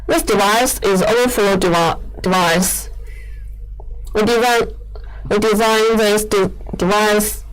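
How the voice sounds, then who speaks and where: Female product demonstrator, smooth clear tone, very slow delivery, halting non-fluent English, explanatory. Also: medium pitch, steady tone, poor audio. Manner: halting, hesitant phrasing with repeated words. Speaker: equipment company presenter giving a machine demo.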